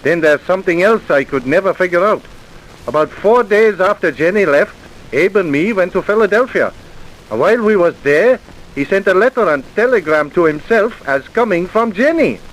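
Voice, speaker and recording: This hissy, poor-quality vintage radio recording features a man acting the part of a dirt-truck driver who has become an informer. His high-pitched, expressive voice moves at a moderate pace, and he comes across as wary, wheedling, evasive and grudging, speaking with plain, colloquial working-class bluntness.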